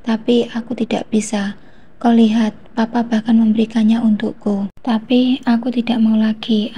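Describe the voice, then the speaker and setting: A woman's voice: on the high side, mellow, husky. A woman reading the lines of a desperate young man in an audiobook-style story. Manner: pleading, with a breaking voice.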